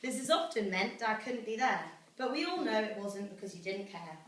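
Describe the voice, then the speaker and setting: A young British woman, the daughter, reads her own rhyming celebratory poem aloud to a gathering at a family celebration. Her medium-pitched voice is expressive, a little fast, and fairly bright. The recording comes from an echoey room with a distant mic and faint noise.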